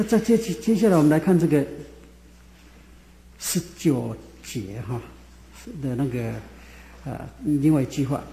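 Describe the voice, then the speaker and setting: A man's voice: a little high, vocal fry, warm tone. A man preaching a sermon, explaining scripture in a folksy way with frequent filler sounds. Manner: folksy Bible teaching with many "ah" fillers. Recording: echoey hall with faint ambience.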